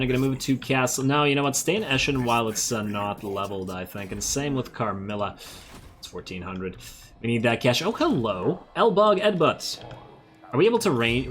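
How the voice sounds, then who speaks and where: A medium-pitched, slightly bright male voice, with a little background noise, talks casually through a strategy game as he plays. He thinks aloud, amused at himself, and his voice is starting to go a bit. He hosts a strategy game let's-play.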